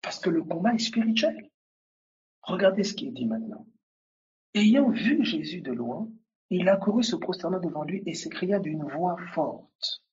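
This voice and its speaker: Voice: medium pitch, very animated, unhurried, a little mellow, husky, lo-fi sound. A preacher giving a sermon, emphatic and repetitive, speaking straight to the listeners. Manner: emphatic, addresses listeners directly and repeats key points.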